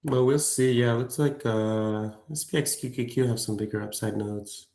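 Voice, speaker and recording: A man talks casually through a live trading stream, rambling and filling gaps with "like" and "uh". His voice carries a gravelly, creaky texture at a middling pitch. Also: steady tone, normal speed, mellow. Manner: loose, chatty, lots of fillers and slang. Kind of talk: casual livestream chat.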